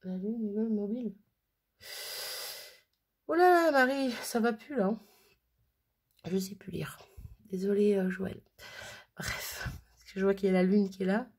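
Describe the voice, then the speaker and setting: A woman's voice: medium pitch, little pitch movement, moderate pace, pauses often, dark tone, slightly rough. A woman chatting casually as a crafting vlogger, gushing and often stumbling over her words. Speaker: crafting vlogger showing mail she received. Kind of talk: casual chat.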